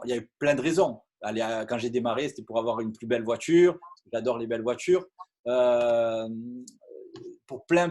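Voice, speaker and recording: A man's voice: mid-range voice, darkish tone, husky. A man giving an earnest motivational talk on a video call, with many fillers and restarts. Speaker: business opportunity speaker.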